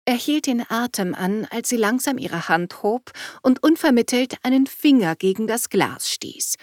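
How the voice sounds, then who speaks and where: A woman reading a novel aloud in an even storytelling delivery. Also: on the high side, measured pace, dry recording, clean studio sound. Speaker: audiobook narrator. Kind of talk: scripted narration.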